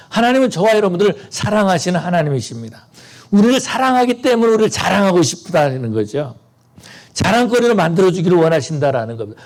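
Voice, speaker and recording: A man's voice: high voice, darkish tone. A man preaching a sermon as pastor, earnest and rising to fervent appeals to the congregation.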